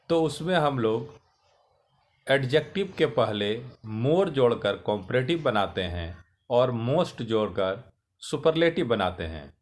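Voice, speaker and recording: A male teacher giving a slow grammar lesson, spelling out words letter by letter. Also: medium pitch.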